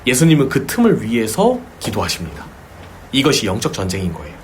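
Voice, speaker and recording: A man pastor delivers a sermon at a small home church, with a fairly high voice that swings widely in pitch. He tells stories with vivid sound words and sudden acted cries. A faint noise sits under the recording.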